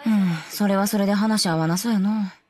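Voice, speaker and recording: An actress voicing a blunt adult woman with a Kansai accent who snaps sharp retorts in an in-character anime commentary. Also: medium pitch, steady tone, fairly quick, close to an everyday voice. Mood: scolding. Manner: sharp retorts, straight-man scolding. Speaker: commentary co-host.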